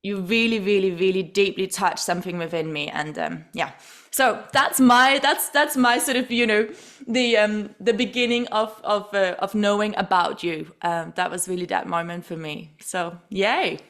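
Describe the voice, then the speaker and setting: A woman's voice: mid-range voice, normal speed, a bit bright. A woman from Denmark hosting a podcast interview, effusive and full of fillers and restarts. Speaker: podcast host. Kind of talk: warm interview chat.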